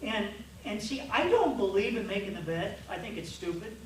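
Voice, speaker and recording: A man coaching a group of men, telling stories in an animated way that keeps restarting. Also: high-pitched, moderate pace, a little hiss or hum. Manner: storytelling, animated and repetitive, with restarts. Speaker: men's coach. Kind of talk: church coaching talk to men. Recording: echoey hall from far off.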